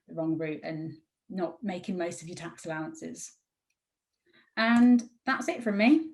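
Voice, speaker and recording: A woman giving an explanatory webinar presentation as a professional adviser. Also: fairly low pitch. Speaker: guest speaker, professional adviser.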